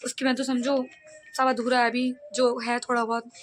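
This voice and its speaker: A young woman vlogging at home, a college student who chats fast and loosely to her viewers. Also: fairly high pitch, flat delivery, slight background noise. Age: young adult. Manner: fast, chatty talker. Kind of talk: casual vlog chat. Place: at home indoors.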